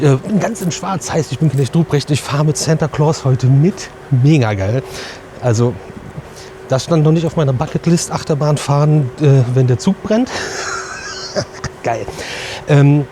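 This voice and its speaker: A man's voice: medium pitch, mellow, slight background noise. A man chatting casually and enthusiastically to viewers as a slangy vlog host. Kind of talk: casual vlog chat to camera.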